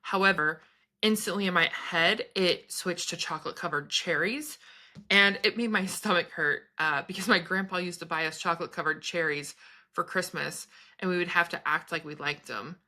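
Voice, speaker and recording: A woman in her thirties talks casually to her viewers, wandering from thought to thought with small laughs. Her voice sits a little low but sounds bright and forward, with a crisp edge. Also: fairly even intonation, moderate pace. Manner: chatty, meandering, laughs between thoughts. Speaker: spiritual vlogger and business coach. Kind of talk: casual chat to camera.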